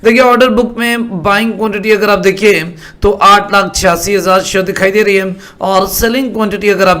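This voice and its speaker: Guy, kinda high voice, walking you through stock stuff, keeps asking if you get it. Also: a bit bright. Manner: explanatory, asks "are you following me" often. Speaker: stock market commentator. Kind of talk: screen-share market commentary.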